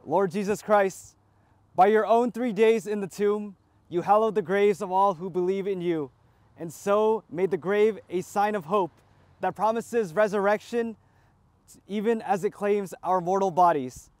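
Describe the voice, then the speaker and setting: A man, a priest, reciting the prayers of a graveside funeral rite in a measured liturgical cadence. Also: sits high, darkish tone, dry recording.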